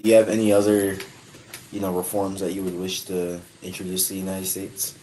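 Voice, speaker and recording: A man interviewing over a video call with a bad internet connection, halting and filling pauses with "you know". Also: low voice, monotone, warm tone, a little hiss or hum. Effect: choppy bad internet connection. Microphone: computer or phone on a video call. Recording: distant, choppy internet call audio.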